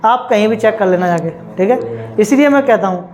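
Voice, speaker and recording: On a rough recording, a man with a high-sitting voice speaks fairly quickly. He is a confident, emphatic teacher giving a classroom lecture, claiming others taught it wrong and often checking in with students by asking "ठीक है?"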